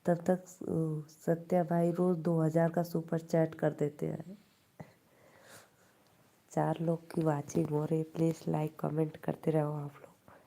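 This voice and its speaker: A woman's voice: low voice, level tone, slow pace, vocal fry, warm tone. A woman with an Awadhi accent hosting a live stream, chatting casually with viewers, teasing them and laughing often.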